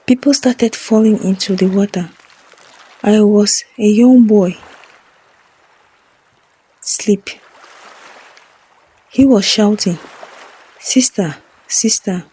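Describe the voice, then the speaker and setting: A woman narrating a scripted first-person story in a solemn, measured way. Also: medium pitch, mellow, breathy edge.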